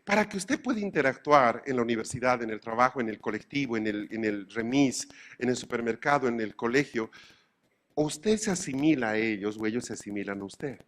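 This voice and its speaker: A man giving a lecture to a live audience, animated and full of anecdotes, often asking his listeners if they follow him. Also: fairly high pitch. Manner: animated, often checks in with the audience through questions; acts out both sides of everyday dialogues.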